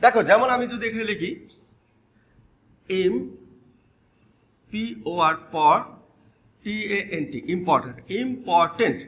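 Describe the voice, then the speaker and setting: A man's voice: high-pitched, takes it slowly, pauses often, fairly bright tone. A man teaching an English grammar lesson, spelling out words letter by letter and repeating key terms while talking directly to his students. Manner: addresses students directly, prompting attention. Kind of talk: classroom-style grammar lesson.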